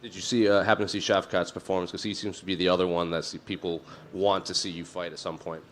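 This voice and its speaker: A man's voice: sits low, flat delivery, quick pace. A man working as a sports reporter, asking questions from the floor of a press conference.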